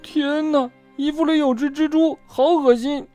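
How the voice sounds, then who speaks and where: A storyteller voicing Bengbeng, a young male rabbit who is easily scared and excitable. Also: sits high, measured pace, no room sound, soft background music, pitched above the performer's own voice. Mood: panicked.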